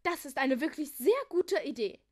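A woman's voice: sits high, very animated, unhurried, darkish tone, pitched above the performer's own voice. A woman voicing a fussy, forgetful old king who hems and haws. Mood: delighted. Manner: dithering, anxious.

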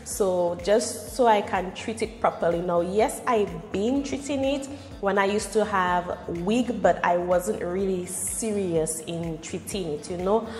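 A woman's voice: mid-range voice, a little slow, darkish tone. Woman, thirties, beauty vlogger, casual conversational storytelling, echoey bare room, faint background music. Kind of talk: casual makeup tutorial with personal storytelling. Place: small bare-walled room indoors.

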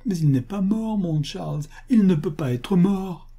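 A man's voice: high voice, lively intonation, measured pace, gravelly, dark tone, voice pushed up, heavily acted. A man voicing a grief-stricken young woman in an audiobook, speaking in a trembling, pleading way. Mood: anguished. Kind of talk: audiobook character reading.

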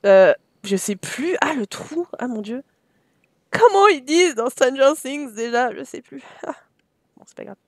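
A French woman streaming a life-sim game live, chatting with her viewers and fondly talking to her characters, sometimes switching into halting English with a French accent. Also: sits high, animated. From France.

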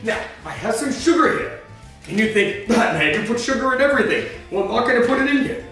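High, lively man in an echoey kitchen. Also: quick pace. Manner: chatty, joking, explains steps as he cooks. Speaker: cosplay cooking host. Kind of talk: comedic cooking demonstration in costume. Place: home kitchen, indoors. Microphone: far camera. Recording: echoey kitchen from far off, faint music.

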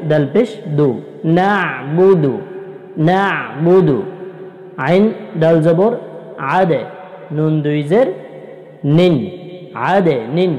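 A man teaching Quran recitation, spelling out each letter and syllable in a slow, deliberate drill. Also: on the high side, mellow, long reverb tail, poor audio.

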